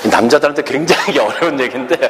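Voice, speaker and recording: A middle-aged man preaching a sermon as a pastor, lively and humorous, acting out the lines he quotes. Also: medium pitch, racing, in a large hall.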